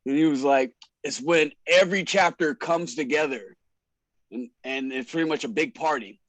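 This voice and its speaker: A man's voice: fairly high pitch, moderate pace, a bit bright, no room sound, poor audio. A man, a wrestler and show promoter, telling stories in a casual, slangy way and laughing often. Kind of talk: casual storytelling in a podcast interview.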